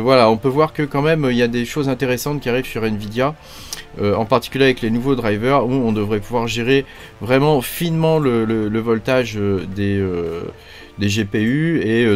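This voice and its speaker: A man hosting a casual mining news roundup, talking loosely with many hesitations and fillers. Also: fairly low pitch. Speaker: crypto mining channel host.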